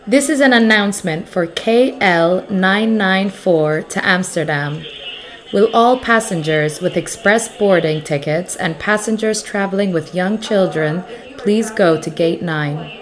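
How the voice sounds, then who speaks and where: A woman reading scripted airport announcements in a formal, measured manner, repeating key details. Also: mid-range voice.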